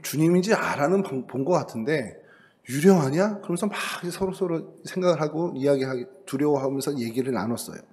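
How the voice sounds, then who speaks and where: A man's voice: medium pitch, fast talker, few pauses, darkish tone. A middle-aged man giving a sermon as a pastor, in a conversational storytelling manner that brings scripture and family life close to the listener. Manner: conversational storytelling, acts out quoted lines.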